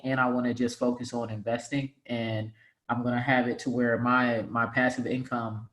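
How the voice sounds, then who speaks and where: Male guest, twenties, laid-back rambler, mid pitch, echoey room. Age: 20s. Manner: relaxed, rambling, many fillers like "like" and "right?". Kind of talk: casual interview chat. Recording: roomy, echoey room sound.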